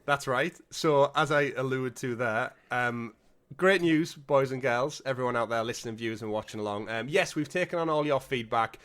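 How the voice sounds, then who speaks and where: A man hosting a gaming podcast with energetic, jokey patter, a bit congested from a cold. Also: mid-range voice, moderate pace. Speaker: podcast host. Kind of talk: upbeat podcast presenting.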